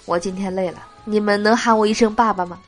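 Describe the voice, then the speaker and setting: A woman's voice: medium pitch, fairly even intonation, quick pace, faint music behind. A woman hosting a joke show, reading jokes aloud with a nasal voice from a cold and laughing at her own punchlines.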